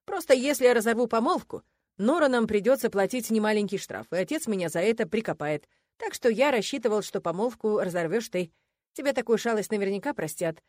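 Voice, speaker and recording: A cool, unflappable young man in a fantasy audiobook, played by a woman reader who teases in an even, dry tone without raising his voice much. The recording is dry and close. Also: mid-range voice, fairly quick, no echo, lightly acted. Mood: matter-of-fact. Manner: mocking, calm, teasing.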